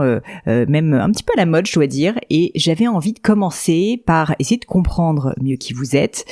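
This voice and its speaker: A woman hosting a podcast, reading a scripted introduction of her guest and then asking polite, measured questions. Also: low-pitched, warm tone. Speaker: podcast host.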